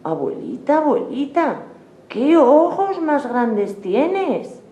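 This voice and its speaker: Woman doing a high, wide-eyed little girl. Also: very animated, takes it slowly, mellow, roomy sound, heavily acted. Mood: wondering.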